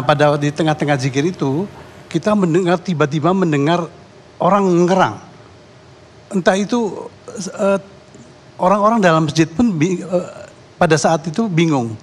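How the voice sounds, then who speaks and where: Halting middle-aged-sounding Indonesian man, eyewitness. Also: on the high side, husky, big-room sound. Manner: halting, repeats and restarts words. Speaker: neighborhood head and eyewitness guest. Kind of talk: eyewitness account on a talk show.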